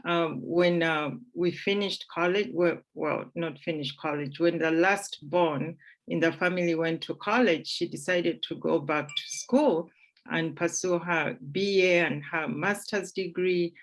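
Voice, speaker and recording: Measured woman from Uganda. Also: fairly low pitch, steady tone. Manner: measured, frequent fillers. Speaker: guest speaker. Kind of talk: panel discussion.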